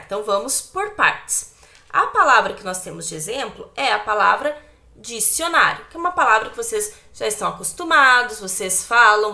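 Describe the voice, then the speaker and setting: A woman teacher with a Brazilian accent, giving a recorded grammar lesson to children, patient and clear, often asking the pupils questions. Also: a little high, sharp tone. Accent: Brazilian Portuguese.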